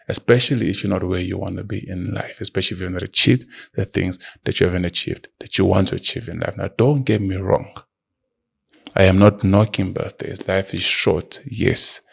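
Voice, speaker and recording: With a low-pitched, slightly rough voice full of vocal fry, this early-thirties podcast host delivers a solo motivational monologue, lecturing emphatically straight to the listener.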